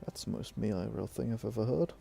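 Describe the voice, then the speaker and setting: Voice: medium pitch, fast talker, gravelly, mellow, breathy edge, faint music behind. A player talking casually in a tabletop role-playing game.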